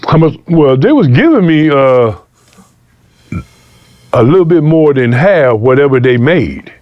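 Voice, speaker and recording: Speaking a little slowly in a voice on the high side, a man casually relates a story during an interview, full of street slang and acted-out quotes. The recording sounds dull, without echo.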